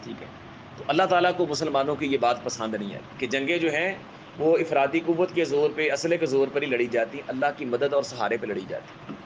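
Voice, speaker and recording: A man giving a religious history lecture in with a tinge, speaking in a measured storytelling manner and often checking in with his listeners. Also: medium pitch, highs cut off, a little hiss or hum. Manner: measured, keeps adding a checking "alright?" tag; vivid storyteller, acts out quoted speech. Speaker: Islamic scholar lecturer.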